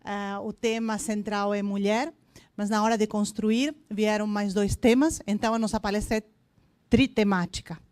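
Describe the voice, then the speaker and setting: A woman's voice: medium pitch, steady tone, moderate pace, darkish tone, clean tone, no room sound. A woman in her fifties from Argentina, with an Argentine accent, giving a chatty, joking talk at a corporate event with hesitant fillers. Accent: Argentine Spanish. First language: Spanish. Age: 50s. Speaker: invited speaker.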